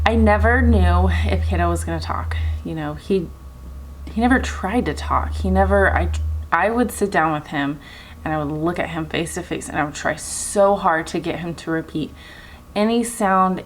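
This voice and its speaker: Lower-voiced woman, earnest personal vlog. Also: slight background noise, low-quality recording. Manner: earnest, emphatic repetition. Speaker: vlogger and parent. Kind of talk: casual personal storytelling to camera.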